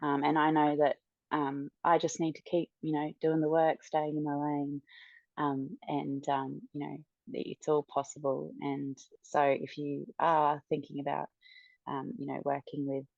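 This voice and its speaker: A woman speaks as a podcast guest in a low, flat, gravelly voice, stopping and restarting with many fillers. The sound is dry and slightly dull, with no room echo. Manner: hesitant, halting, many fillers, soft. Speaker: coaching client and podcast guest. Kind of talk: podcast interview testimonial.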